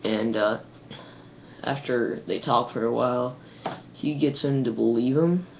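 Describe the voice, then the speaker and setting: A man's voice: medium pitch, a little slow, creaky. A teenage boy casually retelling a comic story over a webcam, rambling with lots of ums and likes. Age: teens. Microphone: webcam mic. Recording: dull lo-fi webcam audio with faint hiss.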